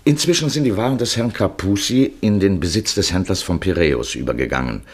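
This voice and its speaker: A man with a deep, husky voice narrates a 1950s radio travel feature. His lively intonation moves widely as he paints vivid scenes in measured, literary storytelling.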